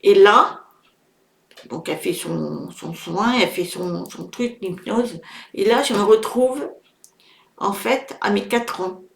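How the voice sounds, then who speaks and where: A middle-aged woman sharing a personal experience in an emotional, halting way, with many fillers and restarts. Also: mid-range voice, vocal fry. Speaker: vlogger sharing a personal story. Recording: roomy echo.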